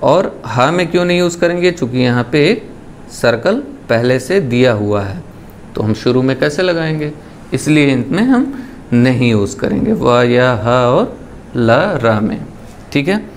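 A man's voice: mid-range voice, animated, measured pace, a little hiss or hum. A man teaching a shorthand lesson. He explains step by step, patiently, and keeps checking in with the listener.

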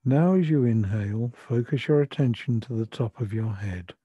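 An older man with a soft, breathy voice gently guiding a breathing and relaxation meditation in soothing, measured instructions. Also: medium pitch, no echo. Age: 60s or older. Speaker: relaxation therapy guide. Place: furnished room at home. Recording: dull lo-fi sound, music behind. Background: music.

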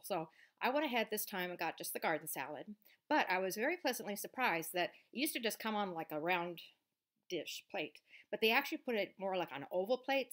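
A woman's voice: medium pitch, fairly bright tone. A middle-aged woman vlogging from her couch, reviewing a restaurant meal in a rambling, chatty way with plenty of fillers, recorded on a webcam mic. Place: living room, seated on a couch indoors.

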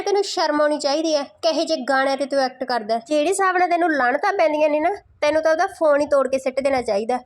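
A woman giving mocking, insulting roast commentary in a scolding, sarcastic tone. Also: sits high.

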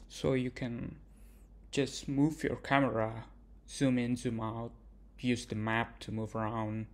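Speaking in a gravelly, mid-range voice, a young indie developer walks through his game devlog in an earnest, plain style marked by some non-native phrasing.

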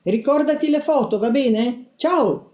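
A woman voicing an excited young female mouse reporter who talks in an urgent, insistent rush. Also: sits high, voice pushed up. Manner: urgent, rapid-fire, insistent. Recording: roomy echo.

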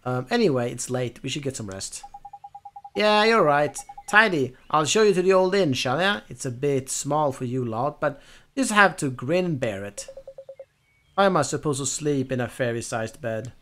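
A man's voice: medium pitch, expressive, moderate pace, fairly bright tone, slight background noise. A man playing a video game who reads every character's lines aloud himself, with some asides of his own. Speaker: lets-play streamer. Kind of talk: reading game dialogue aloud.

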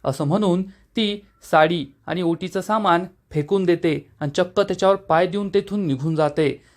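A man with a Marathi accent narrates a recap of a television serial episode in a scripted storytelling manner. His voice sits high for a man, and he reads the characters' quoted lines without changing his voice. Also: moderate pace. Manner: steady storytelling, reading quoted dialogue in the same voice.

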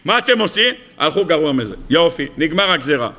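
A rabbi giving a humorous Torah lecture, telling stories in an animated, jokey way and acting out the characters. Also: male voice, on the high side. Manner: animated, jokey, acts out voices.

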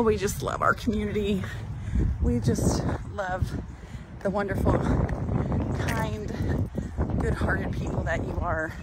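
An older woman talking in a casual, encouraging way to her viewers as she walks outdoors, filming herself with a phone at arm's length. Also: mid-range voice. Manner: warm, encouraging, chatty. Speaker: cooking channel host. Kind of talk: casual walking vlog. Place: outdoors in a parking lot. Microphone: phone held at arm's length. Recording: outdoor phone audio with clear background noise.

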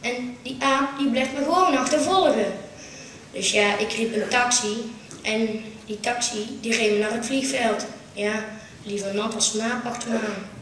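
A woman's voice: a little high, fairly even intonation, a little slow, fairly bright tone, a little hiss or hum. A woman with a Brabant Dutch accent performing a comic stage monologue at a carnival show, telling a story full of punchlines. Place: small theatre stage. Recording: roomy, distant amateur stage recording.

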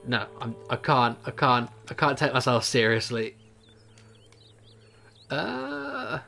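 A man's voice: medium pitch, fairly even intonation, moderate pace, pushed and bright, soft background music. Chatty man streaming a game. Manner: chatty, rambling, self-amused. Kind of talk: casual gameplay commentary.

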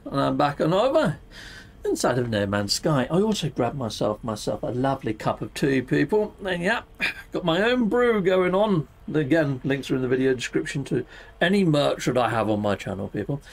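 A man's voice: mid-range voice, big pitch swings, normal speed, creaky. A middle-aged man chatting casually as a gaming YouTube host, exuberant and full of playful catchphrases. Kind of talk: casual gaming stream chat. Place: indoor home streaming setup, seated.

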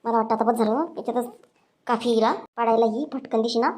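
A high-pitched young woman in a cartoon story, voiced by a woman, quietly muttering sly plans to herself. She sounds scheming and self-satisfied. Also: steady tone, fast, close to an everyday voice. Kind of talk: Marathi cartoon story dubbing.

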